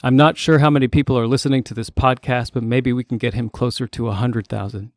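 A man's voice: medium pitch, steady tone, fast, no echo, studio quality. A man hosting a podcast, asking his guest questions in a polite, formal way. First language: not born in the United States. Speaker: podcast host. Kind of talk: interview hosting.

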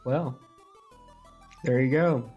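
A man's voice: medium pitch, very slow, darkish tone, husky, lo-fi sound, faint music behind. A man co-hosting a podcast in casual chat, easygoing and rambling. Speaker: podcast co-host.

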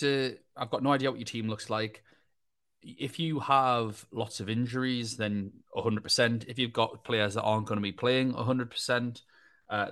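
A man co-hosting a fantasy football podcast, giving casual advice in a measured, explanatory way. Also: on the low side, fairly bright tone. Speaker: co-host and panellist.

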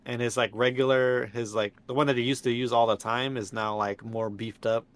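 A young man co-hosting a podcast in casual chat, chiming in with quick agreements and callbacks. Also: medium pitch, flat delivery. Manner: easygoing, chiming in with short agreements. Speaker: podcast co-host. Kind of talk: casual chat about an anime.

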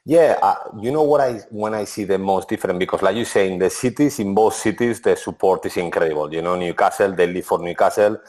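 Speaking fast with hardly any pauses, this man in his forties has a low-pitched, darkish voice. He is a former footballer answering interview questions in a relaxed way, using non-native English full of restarts and "to be honest."

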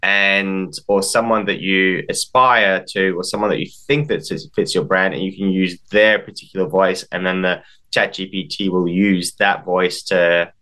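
A man speaks as a guest on a podcast, with a voice that sits on the low side. He explains things in a measured, step-by-step way with some restarts. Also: steady tone, pushed and bright. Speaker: guest, IT expert. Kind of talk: explanatory interview talk.

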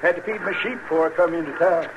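An actor playing a flustered old sheep farmer in a radio western, with a folksy, rambling rural Western American drawl. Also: male voice, fairly high pitch, quick pace, natural voice. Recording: dull, noisy old radio recording.

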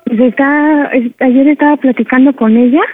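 A woman's voice: sits high, steady tone, moderate pace, dry recording. A woman prank-calling on the phone, playing a scared pregnant daughter who pleads and talks over her mother. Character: young woman pretending to be two daughters. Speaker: prank caller. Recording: dry tinny phone line.

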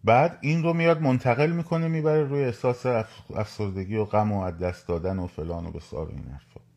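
A man hosting a live podcast talk, speaking with animated emphasis and urging his listeners directly, often repeating himself. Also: fairly low pitch. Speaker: podcast host.

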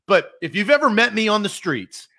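Animated man co-hosting with a bright voice. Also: high-pitched, a little fast. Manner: animated, rambling, lots of "like". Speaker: podcast co-host. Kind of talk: casual sports talk.

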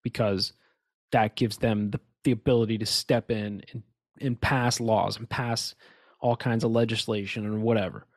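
A man with a fairly low, fairly even voice co-hosts a casual podcast about conspiracies, rambling emphatically with plenty of restarts and asides while he has the hiccups. He speaks at a normal speed, and the recording is dry with studio quality.

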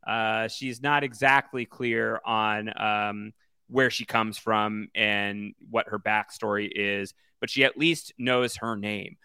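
Man, podcast co-host, bright crisp voice, dry close sound, casual chat with lots of ums. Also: on the low side, slow pace, dry recording. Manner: chatty, many fillers, animated when quoting. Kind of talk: casual podcast chat about a video game.

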